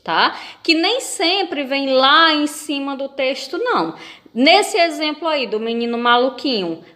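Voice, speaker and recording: A Brazilian woman with a fairly high voice gives a video lesson to young children. She reads a comic aloud patiently and keeps asking the kids questions as she goes. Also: a bit bright. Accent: Brazilian Portuguese. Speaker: primary school teacher.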